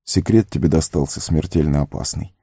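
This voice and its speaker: A man's voice: rumbling low, brisk, warm tone, husky, no room sound, studio quality, pitched below the performer's own voice. A man voicing an earnest young hero in an audiobook, speaking firmly and seriously. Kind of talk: audiobook character reading.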